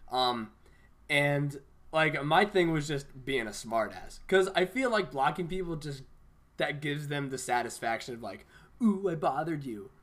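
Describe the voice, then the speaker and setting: A man with a fairly high voice hosts a casual podcast chat. He talks in a laid-back, loose way, swears freely and fills his sentences with "like". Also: expressive, a little slow, fairly bright tone. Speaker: podcast host.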